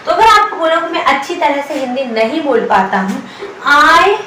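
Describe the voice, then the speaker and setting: High, bright-voiced woman teaching slowly. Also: sing-song, a little hiss or hum. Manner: calls viewers "beta", repeats English phrases very slowly. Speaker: English teacher. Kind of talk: spoken English lesson. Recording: echoey room, heard from a distance.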